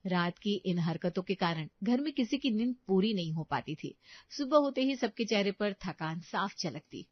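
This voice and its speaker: A woman narrating a storybook tale in a lively, expressive way. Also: medium pitch, moderate pace, no echo, highs cut off.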